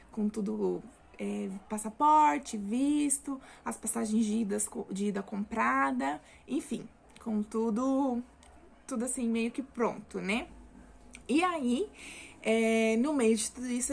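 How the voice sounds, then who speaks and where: A young woman tells a personal story in a loose, chatty way, with lots of fillers and restarts. Her voice sits a little high and carries a gravelly fry. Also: a little mellow, slight background noise. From Brazil. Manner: chatty, frequent fillers and self-corrections. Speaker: vlogger.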